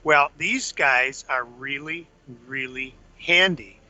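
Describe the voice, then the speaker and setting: An older brother casually walks his younger brother through game strategy step by step while chewing candy. His voice is medium in pitch, slow, pushed and bright, and the recording has a dull lo-fi sound with faint music.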